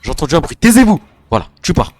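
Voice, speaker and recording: A gamer commentates his horror game playthrough, panicky and excitable, often talking straight to his viewers. His voice is mid-range, his pace moderate, and there is no room sound.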